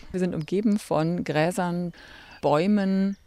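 Low, mellow woman interviewer. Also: takes it slowly. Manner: calm, guiding questions with tag "ne?". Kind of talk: radio interview. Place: outdoors among trees and grass.

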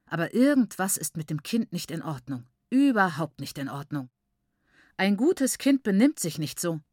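A woman's voice: fairly low pitch, big pitch swings, normal speed, a little mellow, dry recording, studio quality. A woman reading aloud voices a strict middle-aged father who speaks in stern, commanding tones. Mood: worried.

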